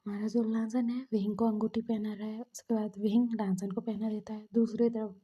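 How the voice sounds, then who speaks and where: Woman storyteller, soft breathy whisper, dark low-key tone, lo-fi home recording. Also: flat delivery, a little fast. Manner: soft, mostly whispered narration with brief quoted dialogue. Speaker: fan fiction storyteller. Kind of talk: casual whispered story retelling.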